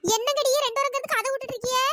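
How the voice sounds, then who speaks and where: A woman's voice: very high-pitched, fairly even intonation, sharp tone, no room sound, pitched above the performer's own voice. A woman voicing a fussy, nagging middle-aged village mother in a cartoon story. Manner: nagging, hurried.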